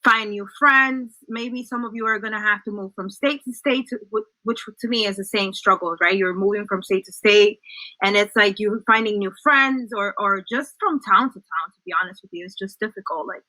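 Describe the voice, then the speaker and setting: A young woman from El Salvador, a native Spanish speaker, tells stories casually as an interview guest, often checking in with "right?". Her voice is medium-pitched, bright and forceful, at a moderate pace. The recording is poor but has no echo.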